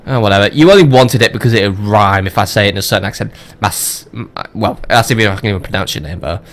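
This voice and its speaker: A man's voice: lowish voice, fast, slight background noise. A man casually commentating on his strategy game as a let's play host, rambling with joking, swearing asides.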